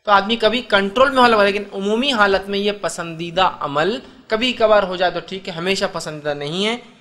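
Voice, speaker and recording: A man's voice: high-pitched, moderate pace, pushed and bright. A man giving a religious lecture, explaining step by step and asking his listeners rhetorical questions. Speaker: Islamic preacher.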